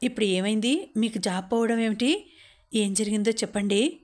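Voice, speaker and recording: A woman's voice: a little high, moderate pace, a little mellow, close to an everyday voice. A woman voicing a caring, apologetic young wife who talks in a soothing, pleading way.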